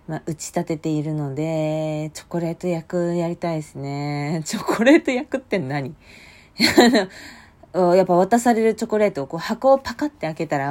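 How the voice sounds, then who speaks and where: A young woman hosting a casual solo podcast late at night, chatty and lively, often bursting into a louder voice. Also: on the low side. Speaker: podcast host. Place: home at night.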